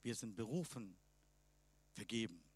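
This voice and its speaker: A man preaching a sermon emphatically, swinging between loud and soft passages. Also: lowish voice, expressive, a little slow, breathy edge, dry recording.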